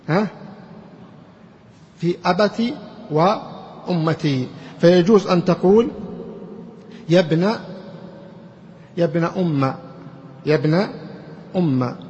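A man giving a grammar lesson. He explains slowly and keeps quizzing his students with questions. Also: sits high, darkish tone, slight background noise. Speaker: grammar teacher. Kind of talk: classroom lecture. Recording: muffled recording in a reverberant hall.

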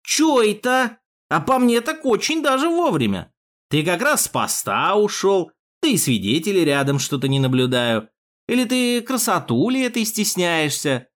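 A man's voice: on the high side, sing-song, normal speed. A man voicing a mocking, crude male police thug with a jeering manner in an audiobook. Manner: jeering, sneering, loud.

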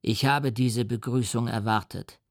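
A man voicing a huge, bitter and menacing man-made creature in an audiobook, speaking in grave, measured pleas and threats. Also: medium pitch, fairly even intonation, creaky, no echo, studio quality. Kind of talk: audiobook reading.

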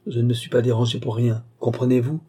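A man voicing a vain, imperious young countess in an audiobook, brisk and teasing. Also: mid-range voice, level tone, warm tone, breathy edge, natural voice.

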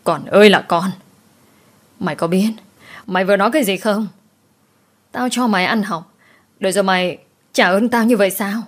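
A woman's voice: mid-range voice, normal speed, long pauses, natural voice. A woman voicing an angry old village chief who scolds his son harshly through gritted teeth. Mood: furious. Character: stern furious old village chief father.

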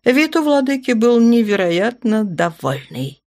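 A woman reading a novel aloud as audiobook narrator, in an even, measured way. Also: on the high side.

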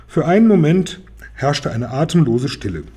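A man reading a children's audiobook aloud, calm and expressive. His voice is dark and mellow with a husky edge. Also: on the high side, normal speed. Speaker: audiobook narrator.

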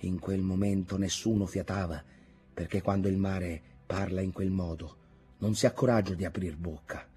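A man reading a classic novel aloud as an audiobook, in a dramatic, measured way. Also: low voice, steady tone, dark tone, faint music behind. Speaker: audiobook reader. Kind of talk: scripted narration of a classic novel.

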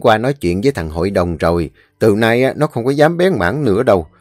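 A man's voice: on the low side, expressive, brisk, a little mellow, no room sound, faint music behind. A man voicing a stern, protective elderly village landlord with a firm, commanding manner. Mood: reassuring.

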